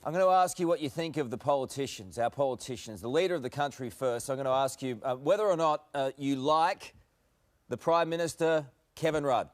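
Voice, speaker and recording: A man's voice: medium pitch, brisk. A man presenting on television, doing a light-hearted interview.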